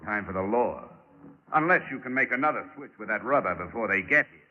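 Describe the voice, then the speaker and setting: An actor with a lowish, expressive voice delivers his lines briskly and lightly acted, with slight background noise. He plays the narrator and lead of a 1940s radio drama, a tough, wisecracking insurance investigator who taunts and needles his suspects while narrating his own case, on a dull old broadcast recording.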